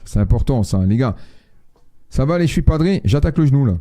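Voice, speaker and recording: A man's voice: medium pitch, lively intonation, fast, dark tone. A man hosting a live astrology stream, chatting casually with viewers and reading their messages in a blunt, slangy, joking way.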